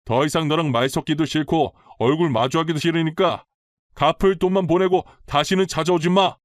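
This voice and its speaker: A man's voice: medium pitch, brisk, no room sound, clean studio sound, close to an everyday voice. A man voicing a stern older mother-in-law. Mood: scolding. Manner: firm and scolding. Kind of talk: storytelling drama reading.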